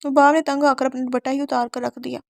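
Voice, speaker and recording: A woman reads a romance novel aloud in a high voice. Her delivery stays flat and steady. The recording is dry and close. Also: vocal fry, no echo. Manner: steady storytelling. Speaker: audiobook narrator. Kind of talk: novel narration.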